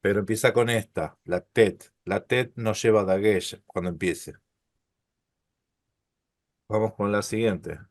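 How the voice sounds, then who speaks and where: A middle-aged man teaching a live online Hebrew lesson, explaining letters slowly and patiently and often checking with "¿sí?". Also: lowish voice, fairly even intonation, no room sound, studio quality.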